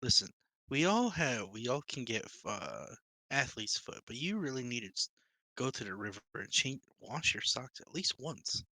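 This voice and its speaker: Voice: mid-range voice, big pitch swings, normal speed, bright, forceful tone, exaggerated voice, rough recording. A tabletop player voicing an exasperated man who mutters at a visitor.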